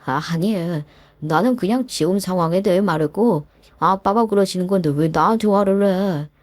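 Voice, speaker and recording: A woman's voice: medium pitch, normal speed, a little mellow, dry recording, studio quality, natural voice. A woman voicing a defensive husband in a narrated story, complaining to his wife. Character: defensive self-pitying husband.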